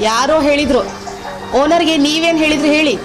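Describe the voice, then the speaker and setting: A woman plays a demanding young wife who pushes her husband hard. Her voice sits very high, and she sounds scolding and impatient, with music under her lines. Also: fast, natural voice. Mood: insistent. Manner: insistent, scolding.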